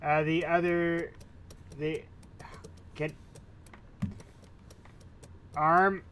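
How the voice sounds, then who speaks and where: A man's voice: fairly high pitch, little pitch movement, drawn-out words, lo-fi sound, a little hiss or hum. A man hosting a playthrough, giving casual commentary as he games. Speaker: gamer, host of a playthrough.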